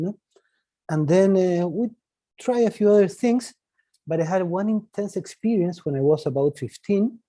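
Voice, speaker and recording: A man's voice: fairly high pitch, warm tone, breathy edge, no echo. A man in his forties from Chile with a Chilean accent, a native Spanish speaker, giving an informal talk and often tagging sentences with a questioning "no?". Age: 40s. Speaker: guest speaker.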